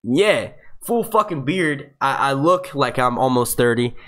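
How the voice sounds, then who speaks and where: A man's voice: medium pitch, animated, measured pace, a bit bright. A man in his twenties from the United States with a youthful-sounding voice, hosting a casual live stream and chatting in a rambling way. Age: 20s. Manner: rambling and chatty, with many fillers and profanity. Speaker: YouTube channel host reading live chat.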